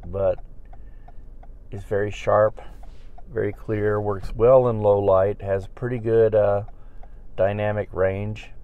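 Male travel vlogger, unhurried rambling chat, lowish voice, faint vehicle hum in the background. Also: level tone, narrow, tinny audio. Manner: rambling, easygoing explanations. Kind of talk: casual chat to camera. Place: inside a vehicle.

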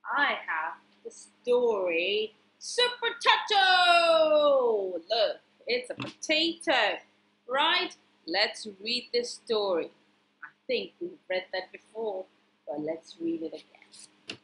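Animated woman reading a picture book. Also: medium pitch, slow pace, a little hiss or hum, poor audio. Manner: animated, pointing out pictures and asking questions. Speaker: teacher reading to children.

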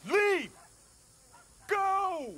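Frantic old west town crier in a game, slow hollering warnings, real sharp voice. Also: male voice, very high-pitched, animated, slight background noise, full character voice. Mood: frantic, urgent. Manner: loud town crier proclamations, drawn-out shouted warnings. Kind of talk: video game western voice acting.

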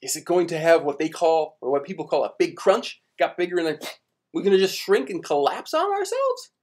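A man's voice: fairly high pitch, very animated, fairly quick, a little mellow. A young man teaching a live online space class for kids at a whiteboard, chatty and playful, explaining big ideas with everyday examples. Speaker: science teacher.

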